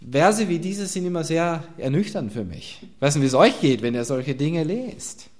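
A man preaching a sermon, earnest and emphatic, asking his listeners direct questions and dropping to a quiet voice at times. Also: fairly high pitch, lively intonation, normal speed.

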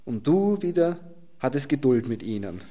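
Ein Mann predigt und liest Bibeltexte vor. Er wechselt ständig zwischen kräftiger Betonung und leisem, fast geflüstertem Ton. Seine Stimme liegt in mittlerer Männerlage. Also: male voice, mid-range voice, very animated. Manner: swings from loud emphasis to soft near-whisper. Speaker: preacher. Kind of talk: sermon with scripture reading.

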